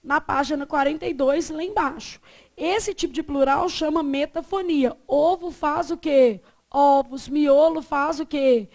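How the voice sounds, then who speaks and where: In this classroom lecture, a Brazilian woman leads a Portuguese lesson in a high voice with some vocal fry. With lively energy she poses questions to the class and supplies the answers herself, drawing words out slowly so students can hear the pronunciation.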